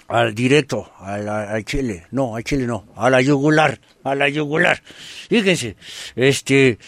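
A man with a Mexican Spanish accent talks in a casual, colloquial way on radio, mid-pitched and fairly dry. He asks his listeners rhetorical questions and acts out everyday scenes as he goes. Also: no room sound. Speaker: radio host. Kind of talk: casual self-help talk.

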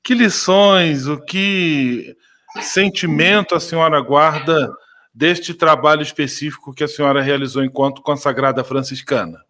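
Man, radio host, slightly high voice, clear delivery, repeats info. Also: measured pace, bright, forceful tone, slight background noise. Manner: clear, repeats details for listeners. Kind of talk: radio interview.

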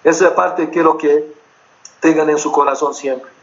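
A middle-aged man with a high voice preaches to his congregation, earnest and repetitive, stopping often to ask whether they follow. The recording is dull and lo-fi. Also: steady tone, measured pace, slight background noise. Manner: earnest, repetitive preaching with frequent check-in questions. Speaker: pastor. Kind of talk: sermon.

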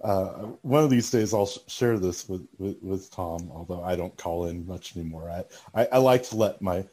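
A man with a Southern Alabama accent chatting casually, often repeating words as they start in a halting way. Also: low-pitched, mellow. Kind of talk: casual chat.

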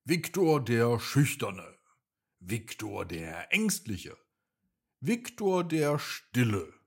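A man narrating a children's bedtime story in a slow, gently expressive reading style. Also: mid-range voice.

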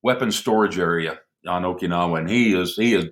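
Middle aged guy, kinda low voice, chatty storyteller who keeps laughing at his own stories. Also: brisk. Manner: lively anecdotal storyteller who chuckles often. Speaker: podcast guest, former military airman. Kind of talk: casual storytelling in a conversation.

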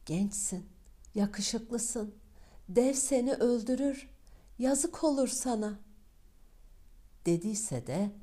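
Low, slow, mellow woman storyteller. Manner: calm, measured reading. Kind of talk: fairy tale narration.

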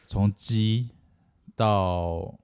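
A man's voice: fairly low pitch, steady tone, drawn-out words, a little mellow, smooth. A man co-hosting a casual podcast chat, reasoning through his points in logical steps. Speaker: podcast co-host.

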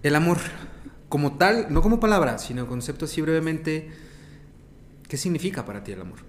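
A man's voice: a little high, sing-song, a little fast, slight background noise. A man with a Mexican accent hosting a casual interview, reflective and asking open questions. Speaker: host. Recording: roomy echo.

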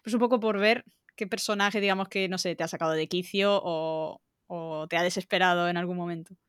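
Woman interviewer, smooth clear voice, dry close sound, asks stuff kinda hesitant. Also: fairly low pitch, fairly even intonation, no echo. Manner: friendly, measured questions with hesitations. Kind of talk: casual interview.

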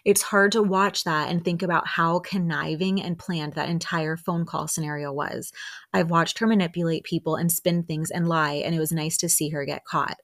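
A young woman hosting a podcast, casually recapping a reality TV reunion and acting out the quotes in a higher voice. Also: steady tone, moderate pace, a bit bright. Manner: chatty, says "like" often, acts out quotes in higher voices. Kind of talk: casual chat.

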